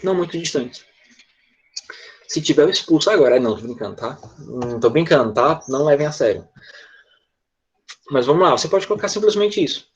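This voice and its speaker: A man with a Brazilian Portuguese accent teaching English in an online class, chatty and joking, slowing down to model English phrases. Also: a little high, animated, muffled recording.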